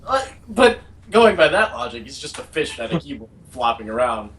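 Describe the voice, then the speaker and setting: A man's voice: medium pitch, big pitch swings, moderate pace, a bit bright, slight background noise, poor audio. A man co-hosting a live-stream podcast, rambling through goofy asides. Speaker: podcast co-host. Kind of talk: casual live-stream chat.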